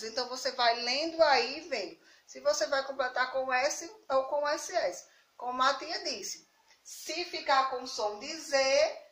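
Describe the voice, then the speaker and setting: Brazilian lady teacher, high voice, talks slow n patient, echoey room and kinda far from the mic. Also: a bit bright. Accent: Brazilian Portuguese. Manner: slow, patient explaining with frequent "tá certo?" checks. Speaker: primary school teacher. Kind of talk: remote class lesson. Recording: roomy, from off the mic.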